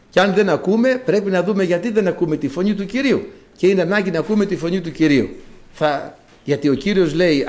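Male preacher, fairly high voice; measured scripture reading, then fervent sermon with emphatic peaks. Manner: addresses listeners as beloved brothers.

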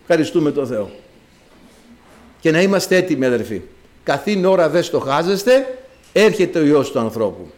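High, lively-voiced male preacher. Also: pauses often. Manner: emphatic, repeats phrases, reads scripture in archaic Greek. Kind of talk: sermon.

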